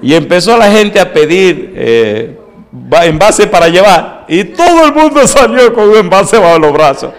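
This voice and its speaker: A man's voice: sits high, normal speed. A middle-aged man from Latin America, a pastor telling funny stories in a sermon and putting questions to his listeners. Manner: animated storytelling, asks the audience questions. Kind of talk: humorous sermon with anecdotes.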